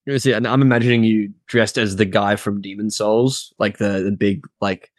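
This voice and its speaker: A man's voice: on the low side, steady tone, normal speed, no echo, studio quality. A man hosting a podcast in casual, joking banter with a wry, playful manner. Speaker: podcast host.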